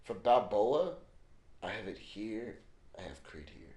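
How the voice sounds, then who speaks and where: A man's voice: lowish voice, big pitch swings, unhurried, a little mellow, roomy sound. A man co-hosting a casual film chat, tired and laid-back, joking as he talks. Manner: laid-back, jokey, puts on voices when retelling. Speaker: podcast co-host.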